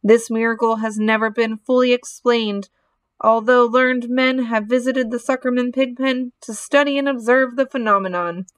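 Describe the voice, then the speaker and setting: A woman voicing a pompous fairground loudspeaker announcer from a storybook, booming and ceremonious in delivery. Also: steady tone, moderate pace, clear, resonant tone, dry recording, lightly acted. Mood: grand, solemn.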